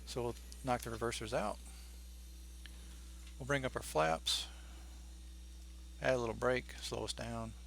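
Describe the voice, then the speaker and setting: A man's voice: mid-range voice, unhurried, creaky, pauses often, a bit bright. Man casually narrating a flight sim, faint hum. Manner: informal, thinking aloud while flying. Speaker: flight simulator streamer acting as pilot. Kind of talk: casual running commentary on a simulated flight.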